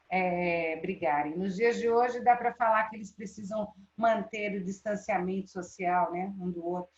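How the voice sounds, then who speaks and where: Chatty Brazilian woman teaching a class. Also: medium pitch. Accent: Brazilian Portuguese. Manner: chatty, checks in with students often. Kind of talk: live online class. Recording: roomy, dull lo-fi sound.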